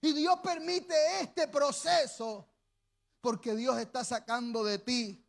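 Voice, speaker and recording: Male pastor, very high voice, preaching sermon with shouted peaks and call-and-response. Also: slow, creaky.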